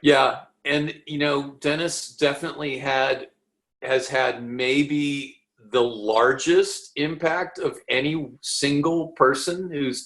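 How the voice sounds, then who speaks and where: A man's voice: medium pitch, a bit bright. A man hosting an interview, asking questions eagerly and often restarting his sentences over a video call. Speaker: podcast host interviewer. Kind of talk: casual interview.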